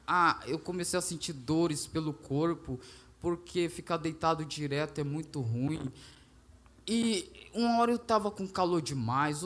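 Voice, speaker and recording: A man's voice: fairly high pitch, a bit bright. A man with a Brazilian Portuguese accent giving an emotional church testimony. He speaks earnestly and fervently, acting out his own prayers aloud.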